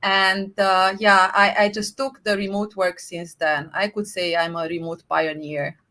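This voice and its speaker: Romanian-accented woman guest, bright tone, eager and rambling on a video call. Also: mid-range voice, level tone, a little slow. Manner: enthusiastic, rambling with frequent fillers. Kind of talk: conversational interview.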